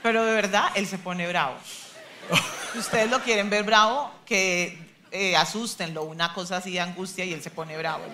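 A woman, a mother, telling a testimony at church in an animated way, laughing at herself. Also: fairly low pitch, moderate pace, background noise.

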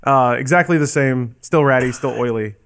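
A man's voice: mid-range voice, normal speed, fairly bright tone, a little hiss or hum. A man playing in a tabletop game, who jokes crudely and narrates his character's actions. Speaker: player. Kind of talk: casual tabletop game chat.

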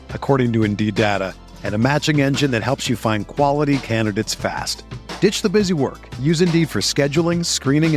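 A man gives a scripted ad read in a smooth, polished voice at a mid pitch. He slows down for the tag lines, and faint music plays behind him. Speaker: ad announcer.

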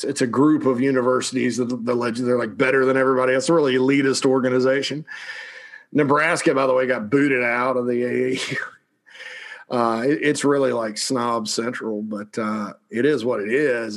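A man's voice: mid-range voice, husky. A man hosting a sports talk show, rambling through college football opinions with many restarts and asides. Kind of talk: casual sports talk commentary.

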